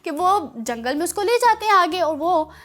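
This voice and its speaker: Her voice is extremely high-pitched, expressive, and fairly bright, moving at a moderate pace. As a children's show host, she storytells in a teacherly manner and frequently puts questions to the kids listening.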